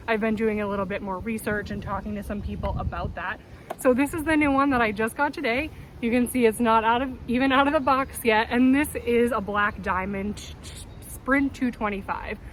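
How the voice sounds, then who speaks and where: A woman with a fairly high voice chats casually to the camera like a gear vlogger. She sounds upbeat and keen. She is recorded outside in a city backyard, with clear wind and traffic noise around her. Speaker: vlogger presenting hiking gear. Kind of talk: casual chatty gear talk to viewers. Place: outdoors in a windy city backyard. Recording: noisy outdoor city ambience, wind and traffic. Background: wind, vehicles, urban outdoor noise.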